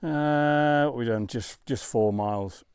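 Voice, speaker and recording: A man's voice: medium pitch, slow, darkish tone, clear, resonant tone, no echo. A man vlogging on a hike across windy open moorland, slightly out of breath, rambling with many ums into a handheld camera. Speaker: hiking vlogger. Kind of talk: casual vlog commentary.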